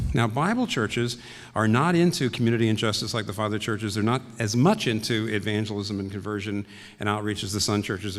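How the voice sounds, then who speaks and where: A man, a pastor, giving a reflective teaching talk and clearing his throat now and then. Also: lowish voice, long reverb tail.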